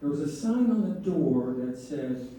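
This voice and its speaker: A middle-aged man delivers a stand-up set in setups and punchlines, leaving pauses as the audience laughs. His voice is slightly high and soft-edged rather than bright. It comes from a distance in a very reverberant live room. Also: expressive. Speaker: stand-up comedian. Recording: roomy echoing live venue, distant mic, faint noise.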